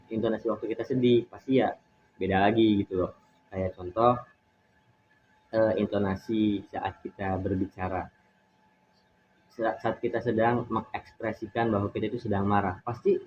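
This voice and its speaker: A young male university student with an Indonesian accent, giving a chatty, hesitant class presentation full of fillers and restarts. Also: fairly low pitch. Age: young adult. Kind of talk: casual explanatory presentation. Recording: tinny phone-like recording with faint noise.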